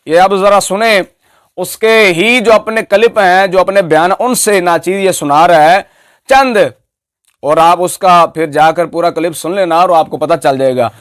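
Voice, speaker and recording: A man's voice: high voice, a little slow, a bit bright, clear, resonant tone, no echo, studio quality. A man giving an emphatic, mocking religious speech that picks apart another scholar's pronunciation. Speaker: Islamic preacher.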